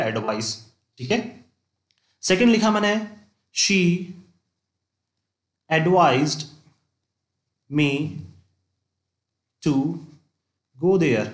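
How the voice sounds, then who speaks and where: A male teacher giving an English vocabulary lesson, repeating points and slowing down to dictate example sentences. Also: fairly high pitch, echoey room. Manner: repeats points with "theek hai" checks, slows to dictate examples. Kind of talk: classroom-style lesson.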